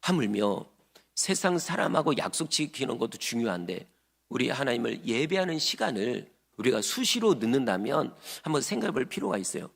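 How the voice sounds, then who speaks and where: A man's voice: medium pitch, sing-song, fairly quick, gravelly, breathy edge. Emphatic preacher man in a reverberant hall. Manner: emphatic, swings from loud to hushed, acts out churchgoers' lines. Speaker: pastor. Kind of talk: sermon.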